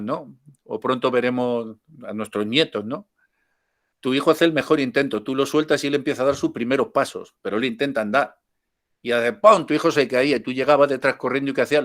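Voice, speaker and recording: A man's voice: mid-range voice, a bit bright. An older man giving an informal spiritual talk as a teacher, chatty and joking, with frequent asides.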